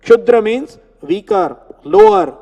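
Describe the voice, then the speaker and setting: High-voiced man teaching in a reverberant hall. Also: big pitch swings, creaky, dark tone, dull audio. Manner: explains Sanskrit words slowly, repeating terms. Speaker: Gita teacher. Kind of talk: religious discourse. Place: temple hall.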